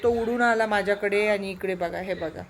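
A woman's voice: medium pitch, moderate pace, crowd noise. A woman talking casually in a home vlog at night, cooing baby talk at her pet parrot between remarks to viewers.

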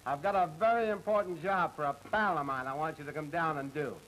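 A man's voice: fairly high pitch, fast, a bit bright, slight background noise, natural voice, low-quality recording. An actor playing an obliging male fence who casually arranges deals over the phone. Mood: businesslike. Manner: easygoing, casual, talks business on the phone. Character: smooth male fence, obliging gangland fixer.

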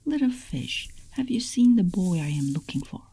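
Give me a woman whispering as a scheming dragon man in a whispered role-play story, with a low, mellow voice. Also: lively intonation, moderate pace, slightly rough, full character voice. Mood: sly. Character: menacing male dragon man hunting a boy.

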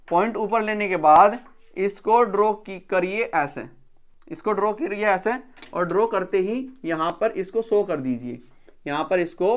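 A man's voice: high-pitched, fairly bright tone. Male drawing teacher who repeats every step. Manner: repeats each step and asks students questions, then answers them.

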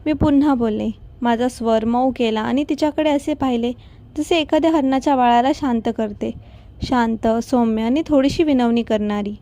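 Woman storyteller, scripted narration, steady delivery; voice sits fairly high, tone mellow. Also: moderate pace.

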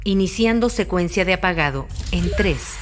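A woman voicing a calm, officious spaceship training computer in a video game, giving measured, impersonal scripted instructions. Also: lowish voice, heavy background noise, natural voice. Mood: impersonal, instructing.

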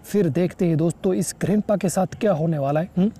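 A man commentating on a horror video game as he plays, with frequent excited exclamations. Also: sits high, fast talker. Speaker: gaming YouTuber. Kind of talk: let's play commentary.

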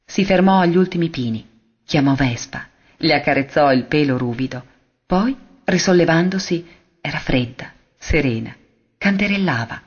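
Male narrator for a classic story reading: husky, mid-pitched, measured, dull lo-fi sound. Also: lively intonation. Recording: dull lo-fi recording.

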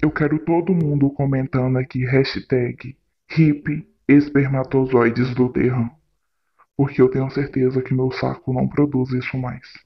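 A man's voice: medium pitch, little pitch movement, unhurried, breathy edge, highs cut off. A man hosting a casual prank vlog, talking in a playful, theatrical way. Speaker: prank vlogger.

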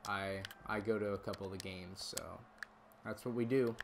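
A man streaming a football video game, calling plays and chatting with viewers, bursting into shouted calls on big moments. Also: fairly low pitch, fairly even intonation, normal speed, creaky, noisy background. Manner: chats with viewers between plays. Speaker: gaming streamer. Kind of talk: play-by-play game commentary.

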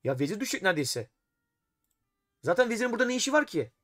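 A man's voice: high-pitched, very animated, racing, a bit bright, dry recording, clean studio sound, faint music behind. A man streaming a live chess game, thinking aloud and talking to his chat, often exasperated. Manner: talks to himself and chat while playing, exasperated.

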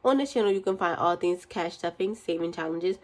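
Seated indoors at a desk, a young woman who hosts a budgeting channel counts cash aloud while chatting casually. She has a cold that makes her voice stuffy, and she speaks fairly quickly in a lowish voice.

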